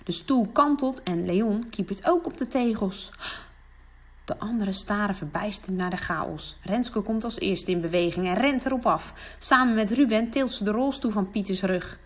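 A woman reads a children's story aloud in an even storytelling voice. She jumps up high and loud whenever the children in the tale call out. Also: normal speed. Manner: lively, voicing the children with bright high calls.

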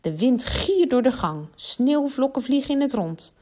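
Lively woman reading a children's story. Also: high-pitched, measured pace. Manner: expressive, lively read-aloud with voiced characters.

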